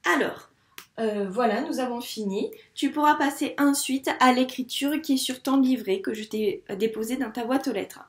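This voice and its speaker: A woman teacher from France giving a young child a handwriting lesson, spelling out sounds slowly and clearly, syllable by syllable. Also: on the high side, roomy sound. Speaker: first-grade teacher.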